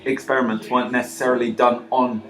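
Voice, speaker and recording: A man's voice: medium pitch, flat delivery, fast. A young man in his late teens in a student meeting, arguing his points and objecting often. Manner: argumentative, keeps objecting. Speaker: student in a group planning meeting. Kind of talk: casual group discussion. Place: school classroom. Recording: echoey classroom with clear background noise.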